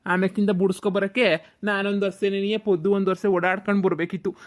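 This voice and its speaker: Someone voicing a flat-toned stern ghost. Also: medium pitch, fast talker, lightly acted. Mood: lecturing. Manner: commanding, flat scolding. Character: gruff male ghost, stern and scolding. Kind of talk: cartoon voice acting.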